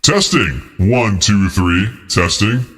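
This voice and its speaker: A man heard through a voice changer that pushes his voice down into a very low register. He is a casual podcast co-host, and he jokes around in a mock-tough way as he checks his mic. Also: lively intonation, slow, fairly bright tone. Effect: voice changer deepening his voice.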